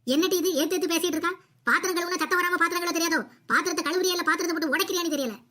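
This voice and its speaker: A woman's voice: very high-pitched, fairly even intonation, very fast. A woman voicing a bossy, scolding mother-in-law in a cartoon comedy. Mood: nagging. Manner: nagging, scolding, sharp-tongued.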